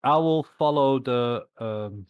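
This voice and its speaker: A man's voice: medium pitch, takes it slowly, clean tone, no echo, phone-quality sound. A man playing a tabletop game, chatting casually and describing his character's actions. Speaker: player.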